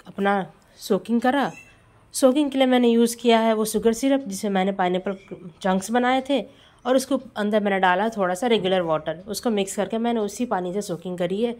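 A woman home baker talks through her cake decorating in a casual voice-over. She is chatty and friendly, and she keeps speaking straight to her viewers as friends. Her pitch sits in an ordinary middle range. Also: darkish tone.

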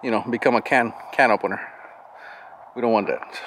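A vlogger with a mid-range, fairly bright voice talks a little fast, chatting and joking as he works on machinery in a gravel yard next to a metal shop building. The camera audio is noisy, with machinery humming underneath.

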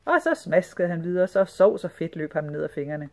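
A woman narrating a children's storybook with a lively, expressive read. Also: low voice. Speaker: audiobook reader.

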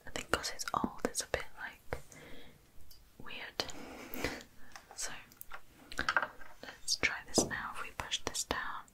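A woman presents an unboxing in a soft ASMR whisper, with no full voice. She goes very slowly, in short hushed phrases with gentle pauses, as a casual running commentary on what she is handling. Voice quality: whispering, unvoiced.

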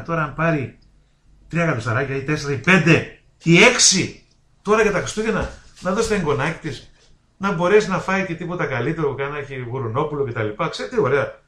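A man hosting a daily political commentary show, talking straight to viewers in a folksy, indignant way that climbs toward shouting. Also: high-pitched, roomy sound. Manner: indignant, rising to near-shouting at points; folksy, addresses viewers directly.

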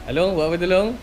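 Loud playful Malaysian motovlogger. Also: male voice, high voice. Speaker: motovlogger host. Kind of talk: casual vlog chat. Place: motorcycle workshop and back lane, indoors and out. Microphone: action camera held at arm's length. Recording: loud street and traffic noise.

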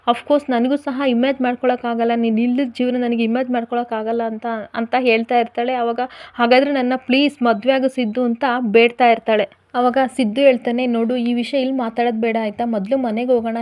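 A woman recapping a TV serial episode, retelling the story in steady storytelling and quoting the characters' lines. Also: a little high. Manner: steady storytelling with quoted dialogue.

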